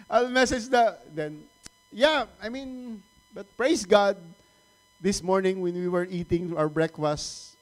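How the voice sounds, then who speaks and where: A middle-aged pastor with a Filipino accent delivers a sermon in a fairly high voice. His preaching is animated, full of repeated words and quick laughs. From Philippines.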